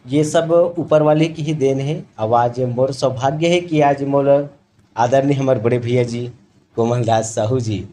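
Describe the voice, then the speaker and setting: A man's voice: medium pitch, steady tone, measured pace, warm tone, slight background noise. A man from Chhattisgarh with a Chhattisgarhi accent, a mimicry artist and stage announcer introducing himself formally and respectfully in a salon. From Chhattisgarh, India. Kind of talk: formal greeting and self-introduction.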